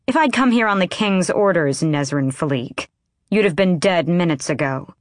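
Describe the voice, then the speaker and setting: A woman's voice: fairly low pitch, expressive, normal speed, no echo, clean studio sound, natural voice. A woman reading an audiobook, voicing a cocky young woman assassin who speaks sharply and pointedly. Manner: sharp, challenging.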